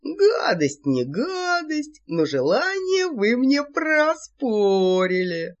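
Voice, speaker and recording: A woman's voice: low voice, big pitch swings, slow pace, slightly rough, dull audio, pitched below the performer's own voice, exaggerated voice. Woman putting on a sly male vampire lord. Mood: smug. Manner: teasing, sly.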